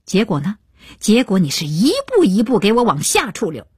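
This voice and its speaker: A woman voicing an angry middle-aged mother who scolds her daughter loudly and shrilly. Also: mid-range voice, big pitch swings, fairly quick, husky, dry recording, studio quality, full character voice. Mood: angry scolding.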